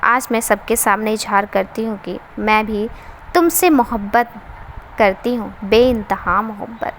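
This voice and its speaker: A woman's voice: fairly high pitch, measured pace, a little hiss or hum, lightly acted, low-quality recording. A woman voicing an earnest, affectionate young woman in a read-aloud family story. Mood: loving.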